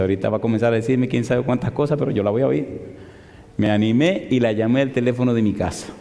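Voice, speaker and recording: Un pastor que predica y cuenta una historia, imitando con viveza las voces de una llamada telefónica. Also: male voice, medium pitch, creaky. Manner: animated, acts out both sides of a phone call. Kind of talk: sermon with storytelling. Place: large hall in London. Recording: reverberant hall.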